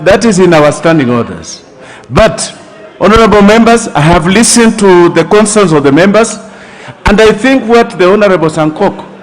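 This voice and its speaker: A man presiding as parliamentary chair, formal and authoritative, calling members to order and repeating phrases deliberately for emphasis. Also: sits high. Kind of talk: formal procedural address from the chair. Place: large indoor legislative chamber. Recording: echoey parliament chamber with long reverb.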